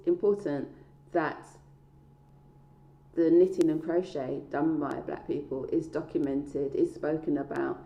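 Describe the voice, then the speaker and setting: A woman's voice: low voice, dark tone. A middle-aged British woman giving a conversational, self-filmed talk as a knitter and researcher, recorded on an indoor staircase. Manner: conversational, playfully questioning herself. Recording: dull, echoey stairwell sound.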